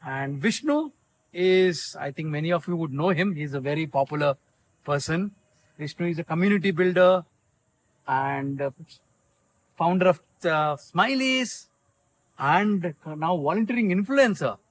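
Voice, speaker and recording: A man's voice: a little high, animated, a little slow, poor audio. A man with an Indian accent hosting a conversational interview show. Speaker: show host.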